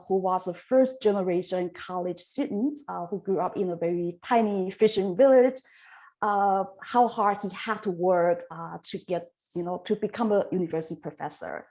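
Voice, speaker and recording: A middle-aged woman, speaking on a panel about her career in a measured way with frequent pauses. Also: mid-range voice, a little mellow, low-quality recording. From Taiwan. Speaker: associate dean and physicist.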